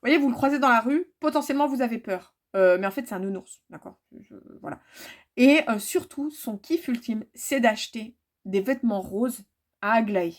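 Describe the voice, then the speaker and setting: A woman's voice: a little high, expressive, moderate pace. A woman chatting casually to her viewers about her cross-stitch projects, full of fillers and repeated words.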